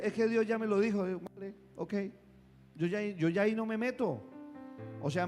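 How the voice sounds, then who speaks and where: High-voiced preaching pastor in a hall. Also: male voice. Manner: preaching, swelling to shouts at climaxes. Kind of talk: sermon. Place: church hall. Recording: long church reverb with music.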